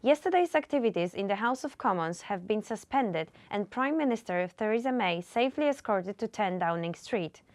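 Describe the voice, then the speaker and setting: A woman's voice: mid-range voice, animated, moderate pace, hardly any pauses, no echo. A young woman reporter reading a scripted news report in a careful, read-aloud manner. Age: young adult.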